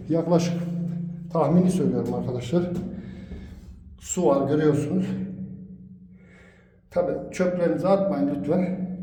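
A man narrating an informal exploring vlog to his viewers in a halting way, his voice ringing with cathedral-like echo in an underground rock chamber. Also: on the high side, mellow. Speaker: vlogger and local guide. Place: deep underground city, damp carved rock chambers. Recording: echoey underground chamber, long reverb, distant mic.

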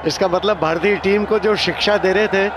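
A high-voiced male cricket commentator calls the play with formal, flowery praise, rising to excited calls of each shot. A loud stadium crowd roars under the broadcast mix. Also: fairly quick, noisy background.

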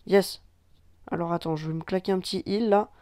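A high-pitched French gaming YouTuber does casual let's-play commentary on a mobile tank game, getting excited and quickly swearing and crying out at the action. The recording is dry and studio quality.

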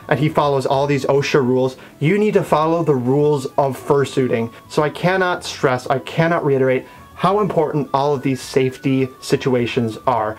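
A man giving earnest, emphatic safety advice as a vlog host, talking through a fursuit head. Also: a little high. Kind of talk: instructional vlog.

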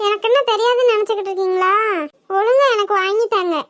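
A woman's voice: extremely high pitch, fairly even intonation, fast talker, fairly bright tone, no echo. A woman voicing a sly teenage daughter in a cartoon, cheekily threatening to tell her father. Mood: cheeky threatening.

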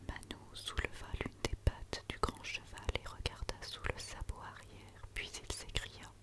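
A woman reads a story aloud in a quiet, soothing night-time whisper, as in ASMR, close to the microphone. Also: a little slow. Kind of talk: whispered ASMR reading of a children's tale.

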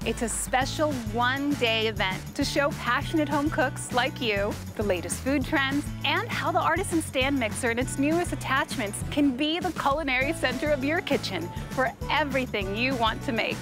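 A woman in her thirties hosts a scripted show outdoors. Her voice is high, and music plays clearly behind her. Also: expressive, moderate pace. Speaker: television host, chef. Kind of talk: scripted presenting. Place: outdoor showcase event.

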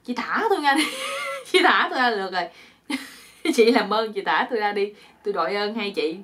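A woman's voice: medium pitch, animated, fast talker, fairly bright tone, natural voice. A woman voicing a frightened young man who begs to be untied. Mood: desperate. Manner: begging, whiny, breathless pleading. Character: pleading young man, bound and terrified.

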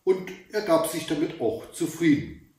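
A man reading a fairy tale aloud as a storyteller, calm and measured. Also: a little high. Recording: very echoey room, voice from far off.

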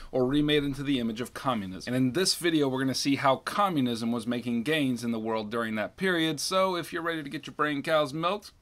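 A man's voice: medium pitch, a bit bright. Male teacher host, playful and punchy, casual lecture delivery. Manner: jokey, conversational, emphatic. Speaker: history teacher. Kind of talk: energetic video lesson.

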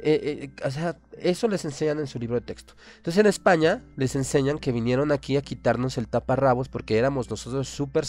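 A man's voice: mid-range voice, darkish tone. A man with a Mexican accent hosting a radio show, delivering an impassioned, opinionated monologue full of rhetorical questions.

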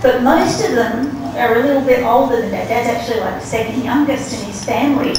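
A woman's voice: fairly high pitch, fairly quick. A woman in her forties giving a chatty, teasing wedding toast into a handheld mic, laughing between lines. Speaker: best man giving a wedding speech. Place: reception room, indoors. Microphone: handheld mic, filmed from across the room. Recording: very echoey room, far camera, loud hiss.

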